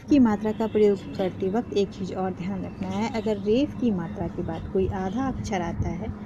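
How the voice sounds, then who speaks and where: A woman teaching parents a spelling lesson, speaking slowly and patiently and repeating each sound. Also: medium pitch. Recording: dull lo-fi with faint noise.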